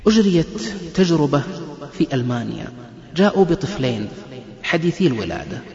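A man delivers a religious lecture in a fairly high voice, lively as he acts out the people in his stories. The sound rings with the long echo of a large hall. The recording is muffled and lo-fi. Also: brisk, vocal fry. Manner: lively storyteller who acts out quoted people. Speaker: lecturer on family life.

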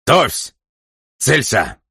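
A man's voice: deep voice, expressive, moderate pace, husky, dry recording, clean studio sound, pitched above the performer's own voice, heavily acted. A male audiobook narrator voicing a ruthless male commander who barks orders in a rage. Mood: furious. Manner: barking orders, shouting in rage.

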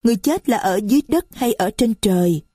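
A woman's voice: expressive, quick pace, dark tone, breathy edge, dry recording, studio quality. A woman doing a small polite little girl. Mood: innocent. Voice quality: high childish piping voice. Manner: polite, simple answers. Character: small innocent girl, polite and matter-of-fact.

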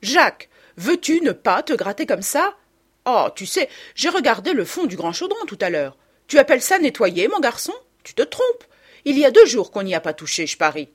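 A shrill, domineering peasant mother, put on by a woman reading an audiobook, scolding at full volume with her voice leaping up and down in indignant swings. The tone stays husky and slightly breathy under the shouting. She keeps taking offense and throwing out wounded questions. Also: wildly swooping pitch, normal speed, exaggerated voice.

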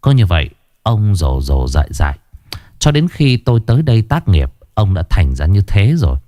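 A man narrating a ghost story in the first person, dramatic and expressive, dwelling on grim details. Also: on the low side, normal speed, no room sound, clean studio sound.

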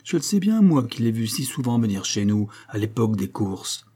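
A man voicing a chatty, blunt young coachman in a French audiobook reading, with a husky tone. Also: mid-range voice, fairly quick, warm tone, lightly acted. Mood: eager.

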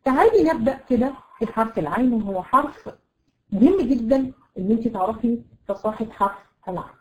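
An Egyptian woman teaching a tajweed lesson online to women students, explaining patiently and demonstrating letter sounds slowly. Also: a little high, animated, darkish tone, low-quality recording. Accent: Egyptian Arabic. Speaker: Quran recitation teacher.

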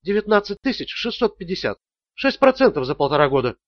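A man voicing a sharp, businesslike woman who states figures matter-of-factly. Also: high-pitched, sing-song, brisk, dry recording, muffled recording.

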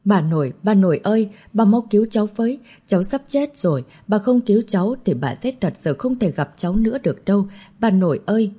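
A woman's voice: medium pitch, expressive, a little fast, warm tone, breathy edge. A woman reading an audiobook, voicing a young woman who sobs and pleads tearfully. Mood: sobbing, pleading. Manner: tearful, wailing pleas.

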